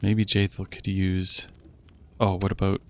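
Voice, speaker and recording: A man hosting a let's play video, casually reading game text aloud and thinking out loud about his choices. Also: sits low, flat delivery, a little slow.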